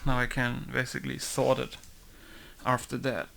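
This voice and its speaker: A man's monotone, medium-pitched voice, creaky and a bit bright, guides viewers through modding a game at normal speed. He rambles and thinks out loud, filling gaps with "basically" and "right?" in this casual screen recording, which carries a little hiss or hum.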